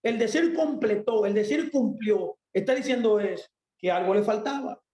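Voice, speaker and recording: A man preaching a sermon with a rather high voice that rings through an echoey room. He speaks emphatically and often asks himself questions that he then answers. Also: moderate pace, mellow.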